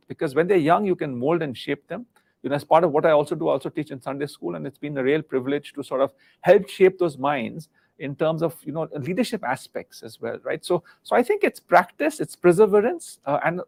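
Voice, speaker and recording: A middle-aged man from India speaks quickly and earnestly, a little high in pitch. His voice has a gravelly edge, and he repeats words as he gropes for the next thought. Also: darkish tone. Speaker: guest, former senior business leader. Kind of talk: live interview on leadership.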